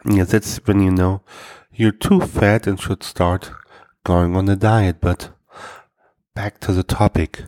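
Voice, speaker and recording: A man hosting a comedy podcast, telling self-deprecating stories and jokes in a dry, deadpan delivery. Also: sits low, takes it slowly. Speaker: podcast host.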